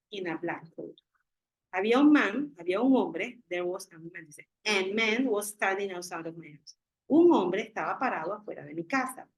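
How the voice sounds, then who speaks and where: Her voice sits at medium pitch with a slight roughness, captured on a low-quality recording. She teaches English grammar over a video call, alternating Spanish and English and working patiently through one example at a time.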